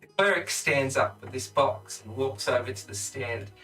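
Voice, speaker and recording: A man's voice: mid-range voice, normal speed, sharp tone, distant mic, soft background music. A man narrating a tabletop game as game master.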